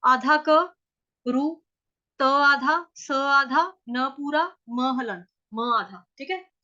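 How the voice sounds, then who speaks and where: A woman teaching Sanskrit verse chanting, repeating each syllable slowly and firmly correcting her class. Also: high-pitched, sharp tone, dull audio. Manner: slow drawn-out repetition of verse syllables; scolding latecomers firmly.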